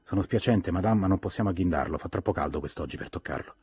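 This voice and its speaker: A man's voice: sits low, fast, darkish tone, husky, dry recording, clean studio sound. Man doing a stiff, formal male butler.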